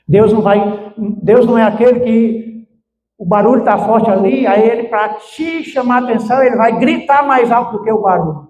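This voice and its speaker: High-voiced pastor preaching in a church. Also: male voice, normal speed, darkish tone. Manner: preaching with emphatic swings. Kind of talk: sermon. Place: church sanctuary. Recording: echoey church, distant mic, muffled.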